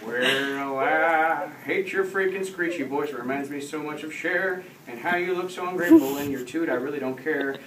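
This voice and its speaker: A man's voice: on the high side, normal speed, few pauses. A young man playing a crude, insulting boyfriend in amateur sketch comedy, recorded in a classroom. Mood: mock insulting. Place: classroom, far camera. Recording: echoey classroom, distant mic, loud noise.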